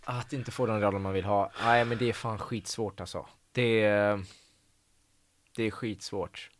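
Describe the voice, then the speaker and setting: Low-voiced man telling a story. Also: a little hiss or hum. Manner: animated, acts out quoted dialogue, swears casually. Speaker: actor, podcast guest. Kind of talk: casual interview storytelling.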